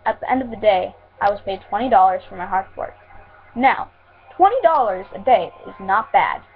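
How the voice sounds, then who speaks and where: Woman reading her fanfic out loud, steady plain delivery, thin phone-like audio. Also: medium pitch. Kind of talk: reading fan fiction aloud. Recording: tinny phone-like sound.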